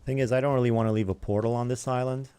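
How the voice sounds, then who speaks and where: A man's voice: mid-range voice, fairly even intonation, very fast, dark tone, smooth. A young man hosting a gaming channel, rambling in casual chatter as he plays and comments on other games.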